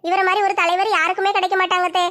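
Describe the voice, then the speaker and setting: A woman chats eagerly in a village comedy skit. Her voice is very high, even in tone, and she talks quickly.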